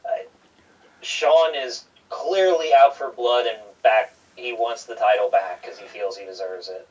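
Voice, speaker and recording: A man co-hosting casual wrestling talk, halting and repeating his words as he goes. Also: medium pitch. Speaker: wrestling show co-host. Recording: dull lo-fi sound, distant from mic.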